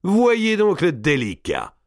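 Man doing a coarse jailer knight, high and harsh, barking orders in a storybook. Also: expressive, normal speed, dry recording, clean studio sound. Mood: scornful. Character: brutal coarse medieval jailer knight, male.

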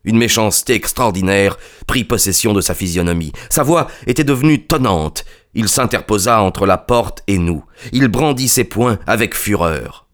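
A man narrating a classic story in a measured, literary manner. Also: on the low side, expressive. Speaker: audiobook narrator. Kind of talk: scripted narration.

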